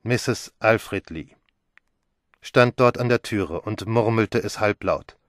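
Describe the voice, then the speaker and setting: A man voicing a shy, respectful male police inspector with a hushed, timid way of speaking. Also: lowish voice, takes it slowly, dry recording, studio quality. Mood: explaining.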